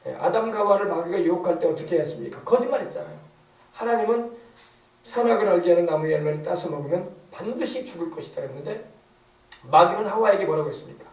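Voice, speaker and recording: A man's voice: high-pitched, lively intonation, fast talker. A middle-aged man preaching a sermon as pastor, with rhetorical questions and emphatic repetition. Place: church sanctuary. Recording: echoey church hall, distant mic.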